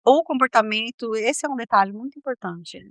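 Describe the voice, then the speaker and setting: A woman's voice: on the high side, moderate pace, pushed and bright, no echo. A woman counselor in a podcast interview, earnestly telling examples from her work and family. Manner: earnest, tells examples with quoted dialogue. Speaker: guardianship counselor.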